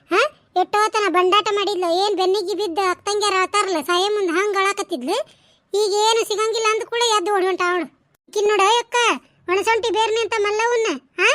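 Woman voicing shrill, sharp-tongued village gossips for a cartoon, North Karnataka Kannada accent, dry recording. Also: dry recording. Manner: quick scolding village banter, exclamatory. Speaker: voice of a cartoon series.

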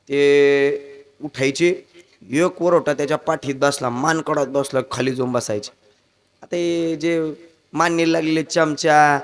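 A man telling a comic devotional story as a kirtan preacher, acting out the characters in raised voices. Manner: animated, acts out characters with raised pitch.

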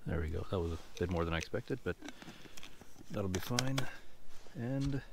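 Low-voiced man chatting outdoors in snow. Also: moderate pace, background noise. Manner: relaxed, offhand, thinking aloud. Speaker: outdoor vlogger. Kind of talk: casual talk to camera while cooking. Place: snowy forest outdoors in winter.

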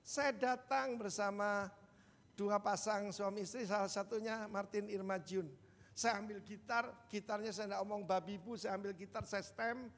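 An older man delivers an animated sermon in a fairly high, gravelly voice, breaking into sudden loud bursts and speaking straight to the congregation. He is recorded in a large church hall with a long reverb trailing his words. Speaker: senior pastor.

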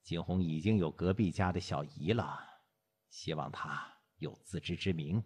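A man voicing a stern, scheming elderly grandfather in an audiobook, curt and gruff. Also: low voice, moderate pace, darkish tone, pitched below the performer's own voice.

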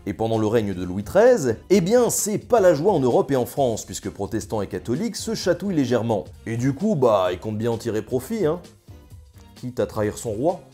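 A young man tells history with jokey, ironic asides and a very animated, bouncing pitch. His voice sits low and mellow, with soft music under it. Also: moderate pace. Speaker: history video host. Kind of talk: casual scripted history narration.

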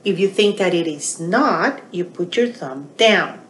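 Her voice is on the low side and measured in pace as this middle-aged woman hosts storytime for young kids, speaking to them directly with animation. It's captured on a home webcam in a small indoor room, so the sound is roomy and echoey, with slight background noise.

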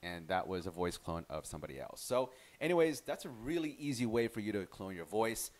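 A man with a fairly low voice walks viewers through a software tutorial. He is chatty and relaxed, often trailing off and restarting his sentences. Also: fairly quick. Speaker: tutorial host. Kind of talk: casual screen-recorded software tutorial.

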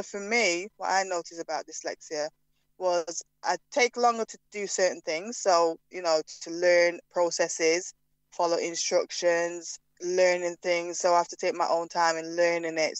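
Jamaican woman with a smooth, crisp voice. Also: fairly low pitch, no echo, poor audio. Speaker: podcast guest. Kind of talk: casual interview.

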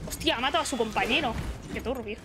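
A woman's voice: fairly high pitch, quick pace, noisy background. A young woman streamer from the Basque Country chatting casually and rambling while gaming. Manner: chatty, reads chat aloud, rambling.

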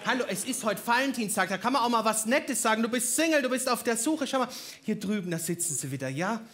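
A man's voice: very high voice, expressive, fast talker, fairly bright tone. A male ventriloquist on a carnival stage, playing the exasperated straight man to his puppet. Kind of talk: comedy stage act with a puppet.

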